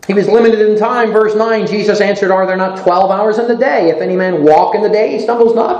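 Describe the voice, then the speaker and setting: A preacher delivers a sermon, reading scripture aloud and repeating phrases for emphasis. He shifts between loud, forceful lines and soft, low asides, all in an echoey room.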